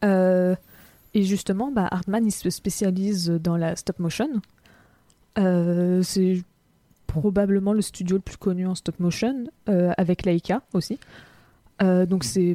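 Woman, podcast co-host, casual chat, lowish pitch, filler-heavy explaining. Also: warm tone, no echo. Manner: explains step by step with many fillers.

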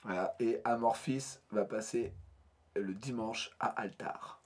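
Husky-voiced man, rambling podcast co-host. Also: lowish voice, takes it slowly. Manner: hesitant, restarts and fillers, rambling. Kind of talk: casual chat about metal bands.

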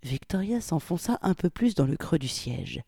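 A woman narrating a novel aloud in a measured storytelling manner. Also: deep voice, big pitch swings, creaky, mellow, husky, no echo, clean studio sound. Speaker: audiobook reader. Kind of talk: scripted narration.

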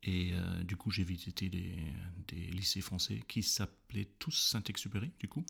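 Male guest, husky and gravelly, halting and thoughtful delivery. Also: sits low, fairly even intonation, fairly bright tone. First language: German. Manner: hesitant, many fillers and restarts while recounting. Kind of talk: interview conversation.

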